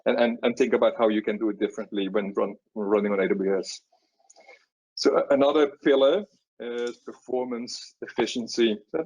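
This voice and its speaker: This low-quality clip features a middle-aged man with a Dutch accent and a lowish, darkish voice. Speaking casually as a webinar panelist, he keeps repeating words and chuckling to himself.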